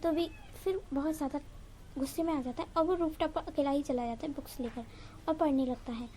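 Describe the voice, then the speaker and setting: A woman's voice: sits high, a little fast, dark tone, slight background noise. A woman casually retelling a fan story, chatty and linking each event with "so". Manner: chatty, strings events together with "so".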